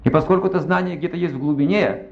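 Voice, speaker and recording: A man's voice: a little high, fast talker, gravelly, darkish tone. A man giving a religious lecture, reasoning aloud and asking himself rhetorical questions. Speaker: spiritual lecturer. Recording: roomy, slightly dull recording.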